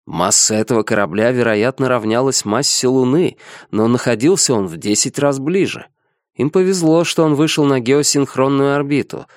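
A man reading a science fiction story as a steady audiobook narrator. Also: mid-range voice, moderate pace, no room sound, studio quality. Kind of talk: scripted narration.

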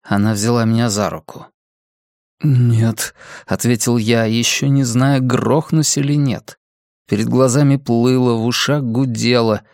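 A man reading a novel aloud in a calm, measured storytelling manner. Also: medium pitch, vocal fry, no room sound, clean studio sound. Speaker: audiobook narrator. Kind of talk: scripted narration.

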